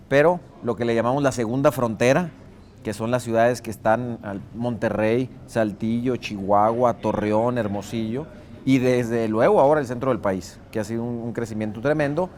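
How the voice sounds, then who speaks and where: A man's voice: mid-range voice, moderate pace, a little mellow, a little hiss or hum. A man answering an interview question, listing points steadily.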